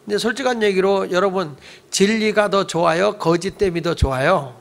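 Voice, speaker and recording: A man's voice: high-pitched, normal speed, gravelly. A male pastor preaching a youth service sermon in a conversational storytelling way, asking the congregation questions.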